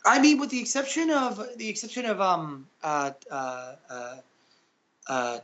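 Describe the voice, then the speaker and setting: A man's voice: high-pitched, unhurried, bright, forceful tone. Man, podcast guest, casual rambling chat, many fillers, muffled lo-fi audio. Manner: rambling, full of uhs and restarts.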